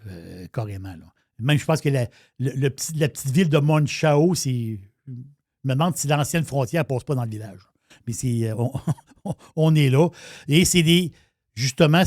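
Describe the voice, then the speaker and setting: A man's voice: mid-range voice, a little mellow, no room sound, studio quality. A man around sixty with a Quebec French accent, a wine columnist on the radio, talking in a chatty, rambling way with many restarts. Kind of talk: radio talk, explaining and storytelling.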